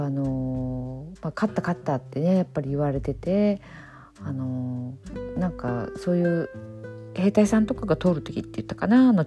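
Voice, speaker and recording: Woman, 50s, Okayama dialect; deep mellow tone, unhurried reflective monologue with soft fillers. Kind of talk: casual solo monologue.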